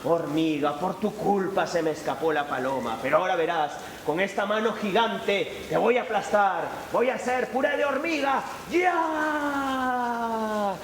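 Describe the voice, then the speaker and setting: A man's voice: high-pitched, a little slow, hardly any pauses, reverberant, slight background noise. A man voicing a greedy, angry male hunter who gloats and threatens in a menacing tone.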